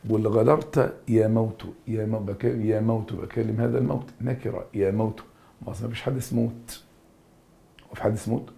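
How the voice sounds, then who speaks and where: A man's voice: fairly low pitch, fairly even intonation, quick pace, vocal fry, mellow. A man with an Egyptian Arabic accent teaching a recorded grammar review lesson. He drills answers through emphatic repetition and addresses students familiarly.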